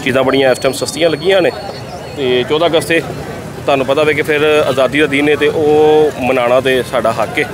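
A man with a Lahori Punjabi accent tours a bustling outdoor bazaar for his street vlog, speaking a little fast in a mid-range voice with a steady tone. He's chatty and upbeat, talking directly to viewers over the market crowd.

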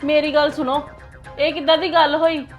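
A woman's voice: high-pitched, level tone, normal speed, highs cut off, faint music behind, natural voice. An actress playing a fed-up young wife who complains indignantly about her husband. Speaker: actress in a family skit.

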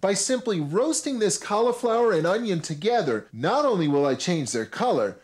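A man's voice: high-pitched, sing-song, normal speed. A man in his thirties hosting a cooking show, talking viewers through each step in an upbeat, instructive way with playful asides. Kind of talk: scripted cooking show presenting. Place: home kitchen and supermarket.

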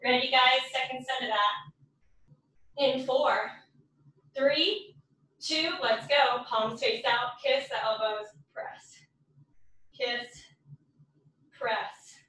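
A woman's voice: sits high, fairly even intonation, takes it slowly, long pauses, sharp tone. Breathless woman coaching a workout. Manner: cueing reps and counting down, upbeat. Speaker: fitness instructor. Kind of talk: live workout instruction. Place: home workout room. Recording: roomy echo from far off the mic.

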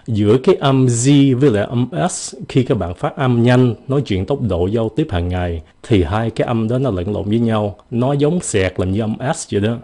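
A man giving a casual, joking pronunciation lesson, slowing down to stretch out the example words. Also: medium pitch, mellow. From United States. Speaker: English pronunciation teacher.

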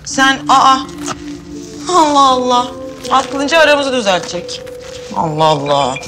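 An excitable pregnant housewife. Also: female voice, sits high, unhurried, over music. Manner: animated, talks to herself a lot. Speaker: pregnant wife. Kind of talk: TV drama acting.

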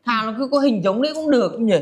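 An easygoing, generous older brother, played by a woman in a comedy family skit. He talks in a high, relaxed voice, showing things off. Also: fast talker, slight background noise, natural voice. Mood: cheerful.

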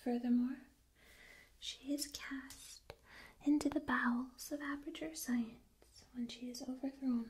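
A woman softly whispering an ASMR analysis in a slow, deliberate way, ear to ear into a binaural microphone. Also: sits high, fairly even intonation, a little hiss or hum.

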